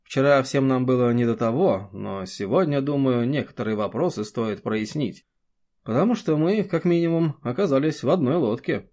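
A man reading an audiobook, voicing a calm, easygoing male mystic. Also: mid-range voice, moderate pace, lightly acted.

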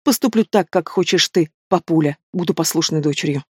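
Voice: mid-range voice, fairly quick, slightly rough, dry recording, studio quality, lightly acted. A reader voicing a hot-tempered teenage werewolf girl. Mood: spiteful. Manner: shouting accusations, sarcastic.

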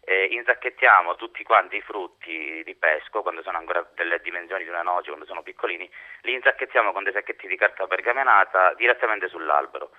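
A man's voice: deep voice, quick pace, narrow, tinny audio. A young man, methodically explaining things as a guest in a radio interview. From Sicily, Italy. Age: young adult.

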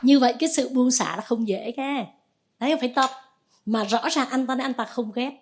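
A Buddhist nun giving a conversational Dharma talk, telling stories and gently exhorting. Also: female voice, high-pitched, brisk, background noise.

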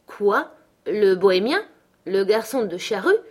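Irritable young gentleman, read by a woman: curt and peevish, for an audiobook. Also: medium pitch, normal speed, lightly acted. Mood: startled. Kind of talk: audiobook reading.

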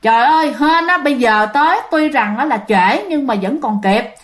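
A woman's voice: high-pitched, lively intonation, moderate pace. A woman voicing an old male village shaman who exclaims and scolds. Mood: alarmed.

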